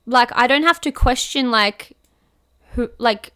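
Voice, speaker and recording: A woman's voice: on the high side, measured pace, bright, forceful tone, clean tone. A woman of thirty co-hosting a podcast in casual chat, giggly and rambling with frequent restarts. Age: 30s. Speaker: podcast co-host.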